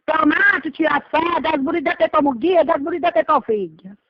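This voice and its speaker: A woman with a Sicilian accent argues over the phone. Her voice is very high and her manner scolding and combative, heard through a dull, lo-fi line. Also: moderate pace. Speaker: prank call target. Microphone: telephone.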